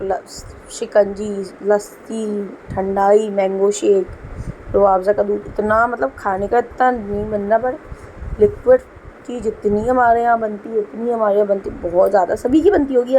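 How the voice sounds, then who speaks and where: Speaking in a mid-range, slightly mellow voice, a young woman vlogs her home kitchen routine, chatting and explaining while she works. A sore throat and cough come through. It's a low-quality recording with a bit of hiss or hum, done as casual voice-over narration.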